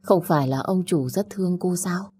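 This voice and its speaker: A woman narrator voicing a gentle, respectful older male family driver. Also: lowish voice, moderate pace, slight background noise, natural voice.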